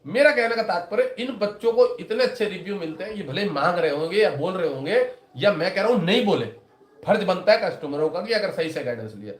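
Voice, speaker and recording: Chatty high-voiced male astrologer, echoey room. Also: lively intonation, fast. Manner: chatty, rambling, retells conversations with students. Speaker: astrologer and teacher. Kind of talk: casual lecture to viewers.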